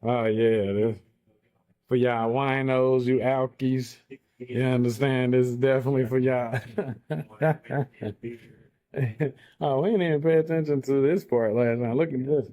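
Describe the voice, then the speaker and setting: A man's voice: mid-range voice, takes it slowly, lo-fi sound. A man casually touring a house on camera, admiring the rooms and chatting with viewers. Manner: relaxed, admiring, talks to viewers as y'all. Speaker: home tour vlogger. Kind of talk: casual walkthrough chat.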